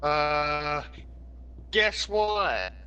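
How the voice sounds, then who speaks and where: A man talking casually in a gaming chat over an online call, his audio choppy and cutting in and out, with dry deadpan teasing. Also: fairly high pitch, drawn-out words, smooth, dull audio. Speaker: co-player joining over voice chat. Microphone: headset over an online call.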